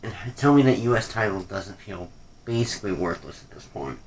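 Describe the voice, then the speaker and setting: Low, gravelly man rambling a review. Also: expressive, fairly quick, a little hiss or hum, rough recording. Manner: rambling, hesitant, trailing off; critical, unimpressed. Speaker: wrestling pay-per-view reviewer. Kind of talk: casual off-the-cuff rant review.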